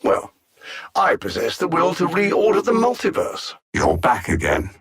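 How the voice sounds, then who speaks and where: With a crowd audible behind him, a male actor gives a full character voice to a video game's cold alien machine intelligence, a condescending would-be conqueror. The high-pitched delivery swings hugely in pitch while staying cold and calculating, measured in its menace and sardonic in its understatement.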